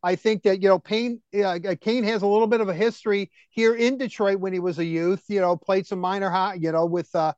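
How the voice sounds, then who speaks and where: A man co-hosting a hockey talk show, rambling excitably and full of fillers and restarts. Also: high-pitched, fairly quick, few pauses, clear, resonant tone, dry recording, lo-fi sound. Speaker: co-host. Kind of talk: casual sports chat.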